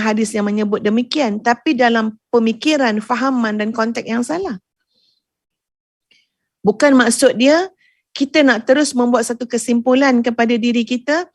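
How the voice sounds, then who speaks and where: A woman's voice: fairly high pitch, no room sound. A woman religious teacher giving a sermon, earnest and addressing her audience, repeating phrases for emphasis. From Malaysia.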